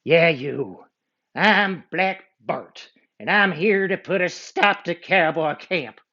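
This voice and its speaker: A man voicing a mean, gruff cowboy outlaw with a drawl in a storybook reading, on a muffled lo-fi recording. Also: fairly high pitch, slow pace, bright, forceful tone, voice pushed up, full character voice. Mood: menacing.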